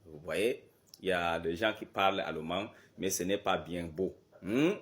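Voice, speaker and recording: A man promoting a language school and drilling German greetings, repeating phrases slowly and pitching them up for emphasis. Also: steady tone, a bit bright. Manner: slow, repetitive, drills phrases with exaggerated rising pitch. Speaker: German teacher. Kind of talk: promotional talk and German lesson.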